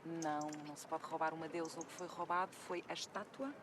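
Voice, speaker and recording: A woman's voice: low voice, steady tone, fast, background noise, lightly acted. An actress playing a patient, formally polite history professor from Portugal, explaining things to her daughter outdoors. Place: outdoors at an ancient site.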